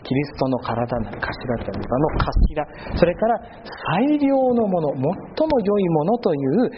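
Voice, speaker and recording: Animated male preacher, muffled recording. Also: on the high side. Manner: patient explaining, drawn-out fillers between phrases. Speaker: pastor. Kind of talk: sermon. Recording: muffled with steady background noise.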